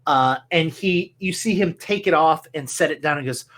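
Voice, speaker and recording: A man improvising tabletop game narration as game master, halting as he searches for words. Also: a little high, fairly bright tone.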